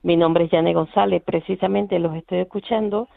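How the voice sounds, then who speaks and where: Brief: earnest halting phone-in caller from Venezuela, rough high voice, thin phone sound. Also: male voice, steady tone, dry recording. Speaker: radio caller. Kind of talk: phone-in comment. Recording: tinny phone line.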